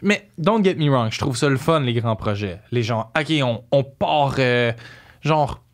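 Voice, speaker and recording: A man's voice: mid-range voice, expressive, measured pace. A young adult man with a Quebec French accent, chatting casually in slangy speech sprinkled with English phrases. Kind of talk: casual chat.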